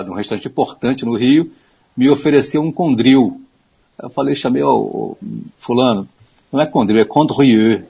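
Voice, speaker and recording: A man of middle pitch with a husky edge speaks as a radio wine commentator. He explains patiently and informally, dropping in quick asides and the odd chuckle. He sounds close to a studio microphone. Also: a little mellow. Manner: easygoing and teaching, with small asides and laughs.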